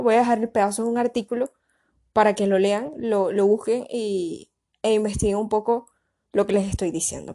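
A young woman with a Colombian Caribbean coastal accent, chatting casually and explaining things in a lively, colloquial way. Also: mid-range voice. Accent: Colombian Caribbean (costeño). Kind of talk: casual chat.

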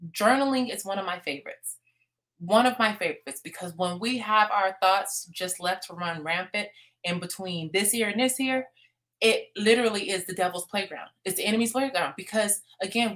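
A woman's voice: mid-range voice, normal speed, fairly bright tone. A woman co-hosting a motivational talk, earnestly giving practical advice. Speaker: co-host.

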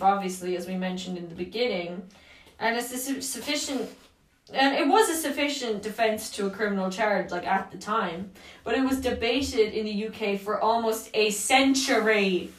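A woman's voice: on the high side, fairly bright tone. A young woman hosting a casual podcast, rambling and joking through her notes with frequent swearing. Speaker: podcast host. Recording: echoey room, mic at a distance.

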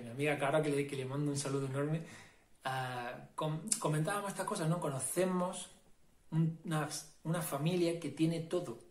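A man's voice: a little high, reverberant. A man giving a casual motivational talk as a self-help and meditation guide, emphatic and repetitive, often checking in with the listener. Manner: emphatic, repetitive, asks "¿no?" and "¿vale?".

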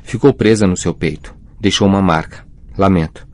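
A worried young witch, voiced by a male audiobook narrator, speaks in a gentle, concerned tone. The low voice is recorded dry and close. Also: normal speed, no room sound, lightly acted. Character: anxious caring young witch, teenage girl friend.

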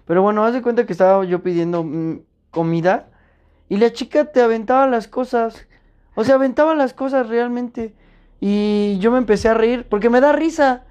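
A young Mexican woman chatting casually on a podcast, telling a story in a slangy, animated way and acting out what other people said. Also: on the high side, normal speed, clean tone. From Puebla, Mexico.

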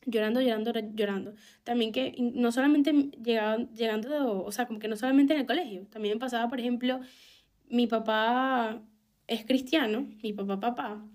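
Young Venezuelan woman, high voice, candid confessional vlogger, emphatic and unfiltered. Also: steady tone, fairly quick, darkish tone. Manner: frank and emphatic, repeats phrases, swears casually. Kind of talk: candid personal storytelling.

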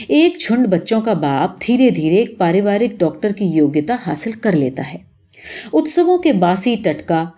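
Woman, storyteller, scripted narration, expressive, lively pitch, mellow tone.

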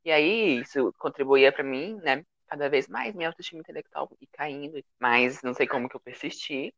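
A man's voice: a little high, fairly quick, gravelly, fairly bright tone, no echo. A young man, a university student, chatting casually and telling self-mocking stories about school. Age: young adult. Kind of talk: casual chat. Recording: dull lo-fi audio.

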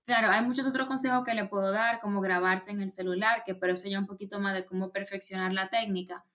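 A woman coaching on public speaking in a relaxed conversation, explaining at length with many fillers and restarts. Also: mid-range voice, fast. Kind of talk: casual advice chat.

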